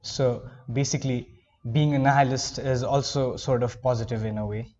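A man's voice: mid-range voice, fairly even intonation, normal speed, darkish tone, lo-fi sound. A male interviewer asking questions in a supportive, affirming way. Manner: supportive, frequent short affirmations. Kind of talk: casual interview.

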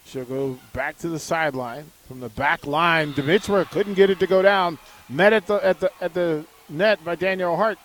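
A man's voice: on the high side, a bit bright, slight background noise. Man calling live volleyball on radio. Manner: brisk, measured calling of each rally. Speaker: radio play-by-play announcer. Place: arena broadcast position high above the court.

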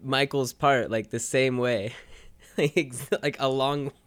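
A young man co-hosting a podcast in casual chat, laid-back, laughing often and trailing off into quiet asides. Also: mid-range voice, steady tone, measured pace, smooth, no echo. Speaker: podcast co-host.

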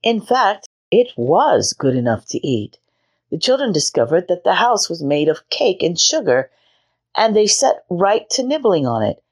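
A woman with a notably low voice narrates a children's fairy tale as a storytelling host. Her reading is gentle and measured, paced for young listeners. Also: sing-song, breathy edge.

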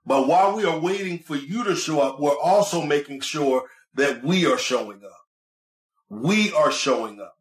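Emphatic motivational male coach, echoey room. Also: fairly high pitch. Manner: emphatic, repeats phrases for effect; exhorting listeners directly, preacher-like. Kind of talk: motivational speech. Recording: echoey, roomy sound.

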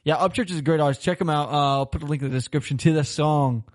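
A man's voice: on the high side, fast talker. A young man from Florida hosting a casual chat, telling a rambling story full of swearing and laughter. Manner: rambling, laughing, swears a lot, animated retelling. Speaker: podcast host.

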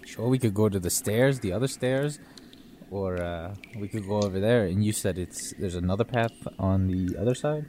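A man's voice: lowish voice, normal speed, warm tone, a little hiss or hum. A man playing a tabletop game, casually suggesting moves to the group.

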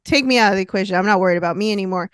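A woman co-hosting a podcast in casual chat, coaxing and teasing her friend with lively energy. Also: mid-range voice, racing, clean tone, dry recording, clean studio sound. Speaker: podcast co-host.

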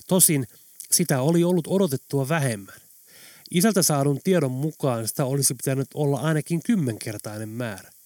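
A man narrating an audiobook in a steady, even storytelling read, recorded close to the mic. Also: medium pitch, dry recording. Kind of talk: scripted narration.

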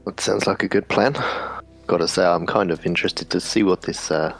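Gravelly, very low player voice. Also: fairly even intonation, fairly quick, soft background music. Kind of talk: online tabletop game play.

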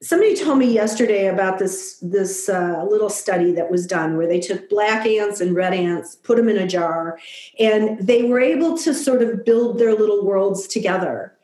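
A middle-aged woman speaks thoughtfully in an interview, pausing often and putting in "you know" as she works through her ideas. Her voice sits in an ordinary middle pitch. It carries a noticeable echo, as if she is in a roomy space. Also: dark tone. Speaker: guest. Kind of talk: conversational interview.

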